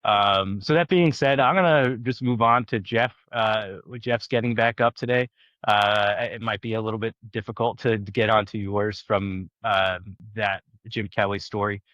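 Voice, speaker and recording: A man's voice: fairly low pitch, fairly even intonation, normal speed, a bit bright, dry recording, dull audio. A man hosting a podcast who responds sympathetically in a hesitant way, with many restarts. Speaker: podcast host. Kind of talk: casual chat.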